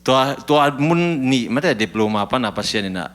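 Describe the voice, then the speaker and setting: A man talks through a long story on a talk show, in an easy, chatty way with little fillers. His voice is bright and forceful, though a touch low in pitch. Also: big pitch swings, fast talker. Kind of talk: casual talk-show conversation.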